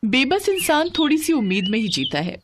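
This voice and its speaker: A woman narrating a scripted children's moral story in an expressive storytelling manner. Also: sits high, a little fast, noisy background.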